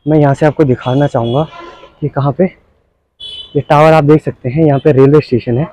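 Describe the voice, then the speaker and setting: Young man pitching a property, raised pitch. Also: fairly even intonation, mellow, no room sound, low-quality recording. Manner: upbeat sales pitch with pauses. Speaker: real estate channel host. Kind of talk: property walkthrough narration. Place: street and empty shop, out and indoors.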